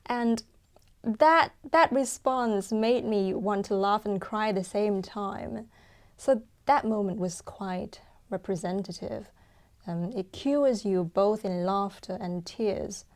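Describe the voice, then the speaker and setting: A woman's voice: mid-range voice, slow, a little mellow. A young woman from China, a guzheng performer, answering interview questions thoughtfully with frequent ums.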